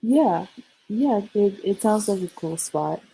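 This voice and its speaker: A woman with an American accent chatting casually on a livestream, halting and hesitant, in short broken phrases. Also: medium pitch, animated, gravelly, mellow, breathy edge, rough recording.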